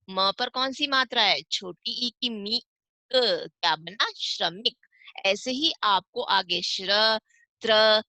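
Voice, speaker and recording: A woman's voice: on the high side, bright, forceful tone, no room sound. A woman teacher giving an online class to young children, reading words syllable by syllable and asking her pupils questions.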